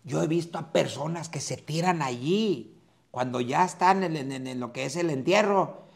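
A man's voice: fairly high pitch, normal speed, vocal fry, pitched above the performer's own voice. A man voicing an earnest male mourner who insists on being heard. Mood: insistent. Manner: insistent, emphatic.

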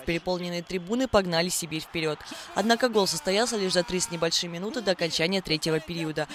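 A man's voice: high voice, a bit bright. A man reading scripted sports news narration as a reporter.

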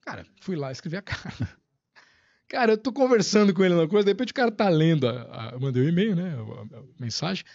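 Fast, animated man telling stories. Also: a little high, creaky, no room sound, muffled recording. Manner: animated storyteller, slangy, acts out quotes. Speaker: podcast guest, writer. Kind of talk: casual chat.

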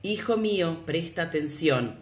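A patient, wise father guides his little son, as a woman narrator puts him on. He speaks slowly and calmly in a lowish voice, in a spoken fable recorded with a roomy echo. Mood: gentle.

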